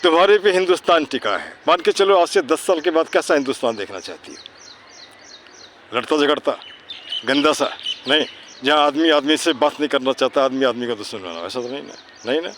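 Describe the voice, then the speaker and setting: A man's voice: fairly high pitch, expressive, fairly quick, fairly bright tone, slight background noise. A man teaching children English pronunciation outdoors. He asks questions, answers them himself, and keeps adding "है ना" as a check, with an Indian English accent. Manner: tags phrases with "है ना".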